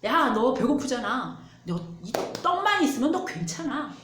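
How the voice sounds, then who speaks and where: A coaxing, boastful male devil, as a woman preacher puts him on, daring and tempting in a high, swooping voice. He taunts with lively rises and falls. A roomy church echo hangs around every word. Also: moderate pace, noisy background.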